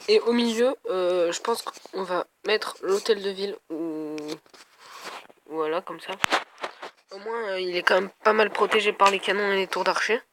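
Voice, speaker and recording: A man whose voice sits high speaks at a moderate pace over a noisy background. He's a gaming video creator with a stuffed-up head cold, giving casual gameplay commentary as he thinks aloud and hesitates while talking to viewers.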